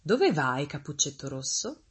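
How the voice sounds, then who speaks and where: A woman voicing a sly fairy-tale wolf, low hushed coaxing voice, husky, lively lilt. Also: a little slow, full character voice. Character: sly soft-spoken male wolf.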